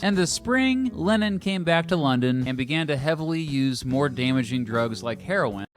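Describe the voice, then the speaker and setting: A man's voice: a little high, animated, normal speed, heavy background noise. A man delivering scripted documentary narration about music history, with emphatic, punchy phrase endings.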